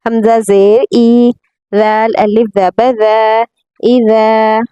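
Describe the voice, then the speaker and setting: A woman teaching tajweed, patiently explaining the rules and spelling out Arabic syllables in a drawn-out recitation. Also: on the high side, fairly even intonation, dark tone, no echo, highs cut off. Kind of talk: tajweed lesson, spelling out letters and reciting slowly.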